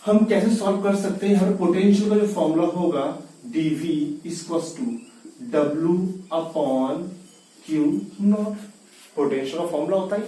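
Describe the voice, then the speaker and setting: A man's voice: high-pitched, mellow. A man teaching physics in a classroom-style lecture, asking questions and answering them himself, repeating key terms. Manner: repeats key terms, mixes English into speech. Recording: echoey room, voice from far off.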